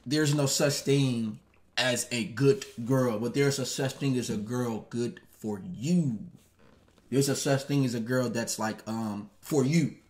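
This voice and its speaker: A man's voice: mid-range voice, slow pace, darkish tone. Blunt, slangy male stream host. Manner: blunt, profane street slang. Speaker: channel host. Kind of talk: casual livestream talk reading viewer messages.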